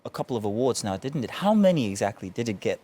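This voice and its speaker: Man, interview host, conversational, echoes answers, mid-range pitch. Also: sing-song, fast, dark tone. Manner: conversational, prompting with mm-hmms, restates answers. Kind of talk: interview questions.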